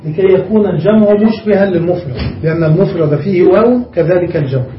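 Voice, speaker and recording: A man's voice: high voice, fast talker, a little hiss or hum. A man teaching an Arabic grammar lesson, explaining each step and checking that his students follow. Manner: explains step by step, often checks understanding with the class. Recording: roomy, muffled recording from a distance.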